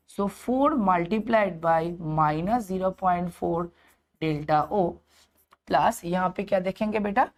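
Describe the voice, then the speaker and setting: A woman's voice: on the low side, a little mellow. Indian-accented woman teaching a lesson. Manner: mixes Hindi phrases into English; repeats phrases and asks rhetorical questions for emphasis. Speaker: chemistry teacher. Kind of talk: instructional lesson.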